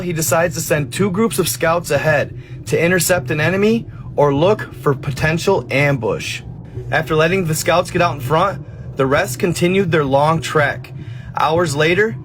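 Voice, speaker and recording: A man narrating eerie legends and strange encounters in a dramatic, suspenseful storytelling manner. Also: a little high. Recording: faint music behind.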